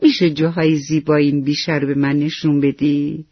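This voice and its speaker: A man's voice: fairly high pitch, little pitch movement, slightly rough, no echo, highs cut off. Ghorghori, a man doing a cheeky mocking frog. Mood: teasing. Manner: teasing, laughs at others. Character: small mocking male frog, cheeky and rude.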